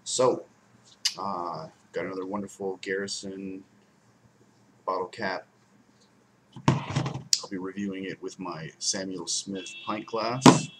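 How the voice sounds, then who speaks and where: Taking it slowly with long pauses, a young man reviews a beer at home by the window blinds. His voice sits low and steady in tone as he rambles and repeats words for emphasis. Background noise is audible on the desk webcam recording.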